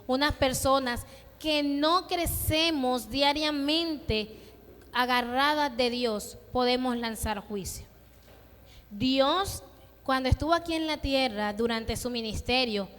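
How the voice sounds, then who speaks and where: Woman, church seminar speaker, high voice, reverberant hall. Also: fairly bright tone. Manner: storytelling with acted dialogue. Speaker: women's ministry speaker.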